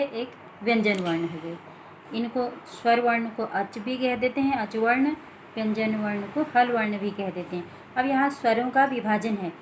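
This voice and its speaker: Slow, unhurried woman teaching grammar. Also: on the high side, a little hiss or hum, low-quality recording. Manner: slow, deliberate explaining with many pauses. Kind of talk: grammar lesson explaining from written notes.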